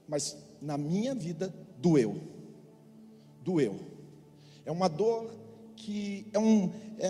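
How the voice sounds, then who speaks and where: A man's voice: high voice, dark tone. A middle-aged male pastor from Brazil preaching a sermon, leading the congregation in call-and-response. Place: church hall. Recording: long hall reverb.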